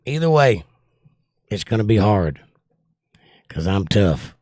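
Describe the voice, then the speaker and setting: Taking it slowly, an older man reads his livestream chat aloud and casually responds. His voice is on the low side and a little mellow, swings widely in pitch, and carries the wear of years of trouble. The audio is clean studio sound without room noise.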